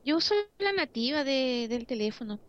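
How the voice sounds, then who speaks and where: A Chilean woman co-hosting a podcast, chatting in a relaxed, offhand way. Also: high voice, moderate pace. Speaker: podcast co-host. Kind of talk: casual chat. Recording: dull lo-fi sound.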